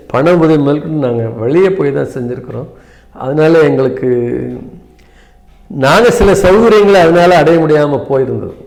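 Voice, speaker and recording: A man in his seventies, an interview guest, speaking in a measured, hesitant way with many fillers and some English phrases. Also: fairly high pitch, a little mellow. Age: 70s. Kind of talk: reflective interview talk.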